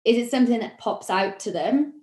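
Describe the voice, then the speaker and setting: A woman with a Welsh accent, a marketing executive explaining her work in a podcast interview, measured and full of corporate phrasing. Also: fairly high pitch, animated, a little mellow, roomy sound.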